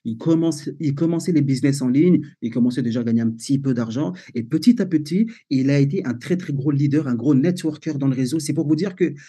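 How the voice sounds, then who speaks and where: Dark, husky man on a video call. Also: mid-range voice, fast, few pauses. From Martinique. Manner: chatty, many fillers and repeated words. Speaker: network marketing presenter. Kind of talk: live video-call business presentation.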